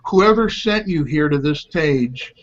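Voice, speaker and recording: A man's voice: on the high side, expressive, a little slow. Slightly slurred man, numb-mouthed, candid. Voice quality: slightly slurred speech from one-sided facial paralysis, as if numb from the dentist. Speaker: home-based business promoter. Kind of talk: casual promotional talk to camera. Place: small home office. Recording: dull, lo-fi sound.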